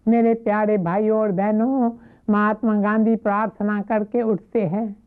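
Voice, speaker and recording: A woman giving a devotional talk, retelling a story in a measured, reverent way. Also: mid-range voice, level tone, clean tone, soft background music. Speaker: spiritual speaker. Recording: narrow phone-like lo-fi audio.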